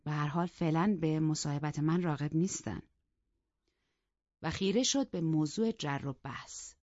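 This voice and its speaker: A woman reading a novel aloud as an audiobook narrator, measured and expressive. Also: low-pitched, no echo, muffled recording.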